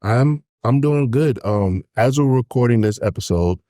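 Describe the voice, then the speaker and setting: Opinionated dude cohosting a podcast, tells stories loud n lively, dry mic. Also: male voice, mid-range voice, moderate pace, dry recording. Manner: animated storyteller, opinionated. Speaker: podcast co-host. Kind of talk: casual chat.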